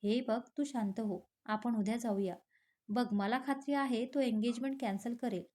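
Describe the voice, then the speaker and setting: A woman's voice: a little high, normal speed, a little mellow, natural voice. A woman voicing a caring young woman friend who teases and soothes, in a storybook romance. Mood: soothing. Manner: soothing and teasing.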